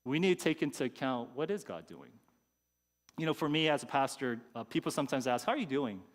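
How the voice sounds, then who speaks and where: A pastor giving a conversational sermon, sometimes acting out people's inner thoughts. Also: male voice, medium pitch, brisk, in a large hall. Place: church sanctuary.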